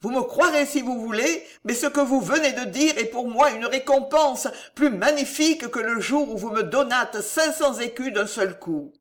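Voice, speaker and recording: A reader voicing a scheming old male steward who pleads and swears his devotion in a raised, effusive voice, pitched above the reader's own. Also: very animated, moderate pace, a bit bright. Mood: fervent devotion. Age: older.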